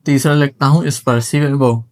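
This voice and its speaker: A man's voice: mid-range voice, steady tone, moderate pace. A man teaching a classroom lesson at a whiteboard, sounding out syllables one by one and quizzing his students.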